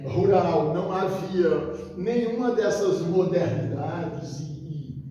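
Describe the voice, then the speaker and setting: Speaking slowly in a high-pitched, mellow voice, this older Northeast Brazilian man recalls his early years for an interviewer, rambling and repeatedly correcting himself. He is a retired teacher and writer, and the talk is relaxed. The audio is dull, far off and echoey with long reverb.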